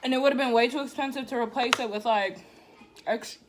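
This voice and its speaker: A woman's voice: on the high side, fairly quick, over music. A woman chatting casually for a mukbang, chewing as she talks and humming over her food. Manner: chewing while talking, with savoring hums. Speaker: mukbang host. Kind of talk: casual mukbang chat while eating.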